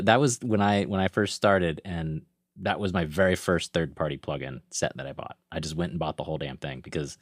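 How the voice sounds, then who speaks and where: A man's voice: deep voice, dry recording, clean studio sound. A man co-hosting a podcast in casual chat who laughs easily and talks enthusiastically.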